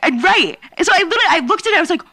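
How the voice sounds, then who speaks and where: A woman's voice: extremely high pitch, very animated, rapid-fire, bright, forceful tone, no echo. A young woman co-hosting a podcast, telling a story in casual chat with lots of fillers. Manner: chatty storytelling with many fillers. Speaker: podcast co-host. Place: basement at home.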